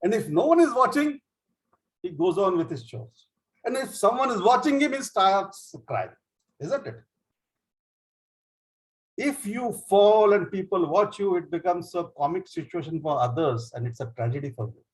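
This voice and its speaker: A man with an Indian English accent leads a speech training session, explaining in a lively way with frequent fillers and retelling jokes in small acted voices. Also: sits high, moderate pace, rough recording. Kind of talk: online education session.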